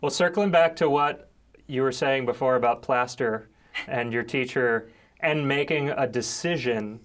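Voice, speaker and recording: Man, American, podcast host, casual chat, relaxed storytelling. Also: mid-range voice, unhurried.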